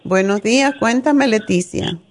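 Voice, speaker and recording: A woman's voice: fairly high pitch, unhurried. Direct woman hosting health call-ins. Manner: direct, opinionated, familiar with callers. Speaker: radio health advice host. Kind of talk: conversational call-in health advice.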